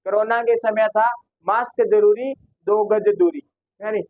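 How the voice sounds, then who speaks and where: A man's voice: high voice, fairly even intonation, unhurried, darkish tone, low-quality recording. A man with a Rajasthani accent teaching an exam-prep class, who keeps asking his students questions and answering them himself, slipping into local dialect phrases. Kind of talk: classroom lecture.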